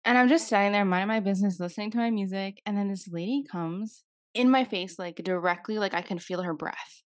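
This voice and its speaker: A woman's voice: medium pitch, fairly quick, dry recording, studio quality. A young woman co-hosting a podcast, telling a rambling story in casual chat, full of "like" fillers and freely swearing. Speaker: podcast co-host.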